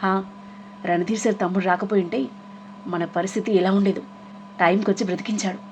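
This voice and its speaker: A woman's voice: mid-range voice, steady tone, a little fast, slight background noise, natural voice. A woman voicing a chatty young female friend who teases. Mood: teasing. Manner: teasing, chatty.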